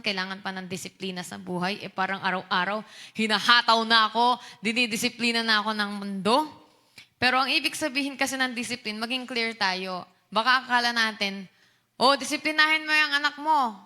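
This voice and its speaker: A woman's voice: mid-range voice, a little fast, sharp tone. A young woman giving a casual youth sermon in Taglish, mixing Tagalog and English, chatty, asking her listeners questions. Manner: chatty Taglish preaching, asks the crowd questions. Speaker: youth preacher and voice teacher.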